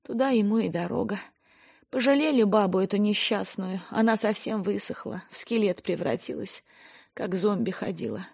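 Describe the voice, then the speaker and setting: A woman's voice: medium pitch, normal speed, vocal fry, darkish tone, slightly rough. A woman reading an audiobook voices a stern, plain-spoken older village woman telling a grim local tale. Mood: stern storytelling. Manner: plain-spoken storyteller, blunt and earthy.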